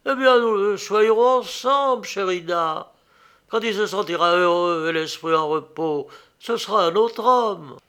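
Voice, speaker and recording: A man's voice: on the high side, unhurried, pushed and bright, voice pushed up. A man reading an audiobook aloud, voicing an ardent young male inventor who speaks eagerly and with emphasis. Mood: elated.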